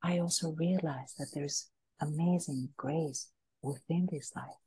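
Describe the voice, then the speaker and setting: On a podcast mic, a woman who grew up in France speaks as a guest, a business coach talking in an earnest, motivational way. Her voice sits low, a little slow and dark in tone. The audio is poor, with slight background noise.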